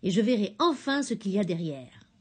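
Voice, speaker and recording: A woman voicing a lively, headstrong little girl in a storybook, eager and bold. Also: mid-range voice, brisk, husky.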